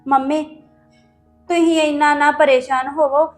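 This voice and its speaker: Playing an upset, defensive wife in a family web drama, a young woman complains and pleads in a high-pitched voice. Her delivery is flat and a little slow, and faint music sits behind her.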